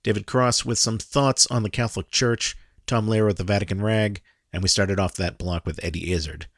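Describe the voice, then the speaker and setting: A man's voice: on the low side, steady tone, a little fast, dry recording, clean studio sound. A man hosting a podcast, introducing the next clip in a plain, matter-of-fact way. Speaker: podcast host. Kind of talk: scripted show introduction.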